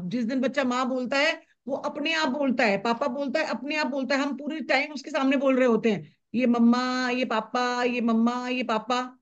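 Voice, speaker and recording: A woman teaching a live online class on manifestation, talking briskly and conversationally, repeating her points over an online call. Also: high-pitched, lo-fi sound. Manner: brisk, repetitive, conversational explaining.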